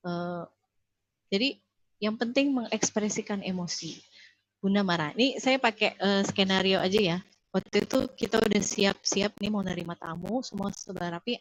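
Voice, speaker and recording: A woman's voice: medium pitch, no echo. A woman giving an earnest, instructive parenting talk in a webinar, speaking straight to parents over a video call.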